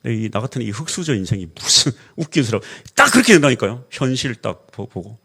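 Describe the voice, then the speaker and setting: Animated gravelly Korean pastor preaching. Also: male voice, medium pitch, fast. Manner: animated storytelling, acts out quoted dialogue. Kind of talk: sermon.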